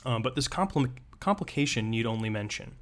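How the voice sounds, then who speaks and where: A man's voice: mid-range voice, animated, a little fast. A man teaching rhetoric on a live stream, reading passages aloud and then explaining them in a loose, digressive, joking way. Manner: casual, digressive, reads passages aloud then riffs with playful asides.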